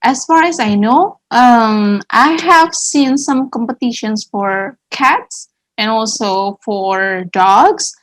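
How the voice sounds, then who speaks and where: Speaking slowly in a fairly bright, highish voice, a woman from Indonesia co-hosts a casual conversational Q&A. She teaches English and Indonesian, and she questions in a curious, friendly way, acknowledging often with small responses.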